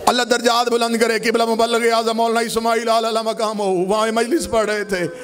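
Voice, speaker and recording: A man's voice: extremely high pitch, flat delivery, a little fast, a loud crowd. A man delivers a mourning-gathering sermon from the pulpit, chanting it with passion that keeps rising toward wailing cries. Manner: impassioned, melodic chanting that swells into wailing cries. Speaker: majlis orator. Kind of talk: chanted Shia majlis sermon.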